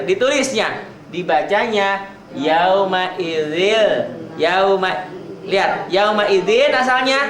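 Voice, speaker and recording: A man with a high voice teaches Quran recitation at an unhurried, deliberate pace. He patiently repeats each example and stretches out the recited words, and the room around him rings with echo. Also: fairly bright tone. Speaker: tajwid teacher. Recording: roomy echo.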